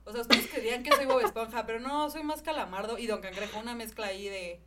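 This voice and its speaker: A woman in her twenties with a Mexican accent, hosting a podcast and telling stories in a lively way, laughing often. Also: a little high, fast talker, a crowd in the background. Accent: Mexican Spanish. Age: 20s. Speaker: podcast host. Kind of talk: casual chat.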